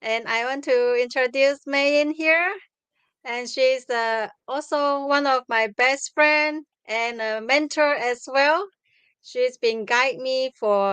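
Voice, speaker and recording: A woman, hosting a live stream from home over a video call, speaking haltingly with many restarts. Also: a little high, fairly bright tone, smooth, no room sound. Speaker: host. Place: home room with bookshelves. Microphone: webcam on video call.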